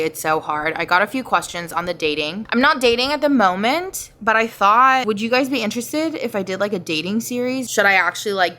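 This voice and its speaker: A thirty-year-old woman chatting through a Q&A vlog, candid and open, with lots of "like" in her talk. Her voice sits a bit low but sounds bright and forceful. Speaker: vlogger answering viewer questions. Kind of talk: casual Q&A vlog.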